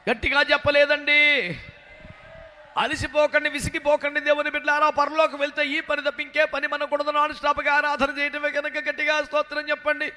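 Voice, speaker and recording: A man's voice: very high-pitched, monotone, brisk, sharp tone, in a large hall, a little hiss or hum. A male pastor preaching a fiery sermon with a Telugu accent, calling out to the congregation for praise.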